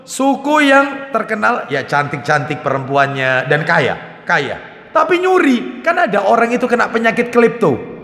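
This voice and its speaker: A man preaches a religious study lecture with a high, lively voice. He jumps into little quoted voices of parents and children. His words ring through a roomy mosque hall with a long echo. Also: measured pace.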